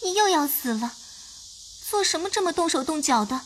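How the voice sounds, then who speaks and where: A woman voicing a frail, sensitive young noblewoman, with a soft, distant, breathy delivery, in an audio drama. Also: high voice, animated, brisk, a little hiss or hum. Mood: wry, wounded.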